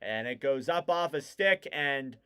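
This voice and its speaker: A man giving casual live play-by-play commentary on a hockey game, getting louder and keener on the big plays. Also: medium pitch, expressive, measured pace, clear, resonant tone.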